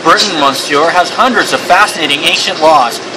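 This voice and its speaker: A man's voice: fairly high pitch, a little fast, natural voice. Man doing a bookish legal expert, noisy recording. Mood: pedantic. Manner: erudite, formal, pedantic. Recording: clearly noisy background.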